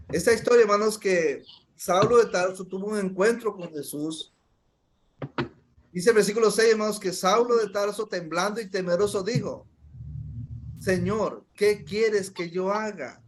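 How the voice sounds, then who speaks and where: A man preaching a sermon, emphatic, often calling his listeners brothers. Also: high-pitched.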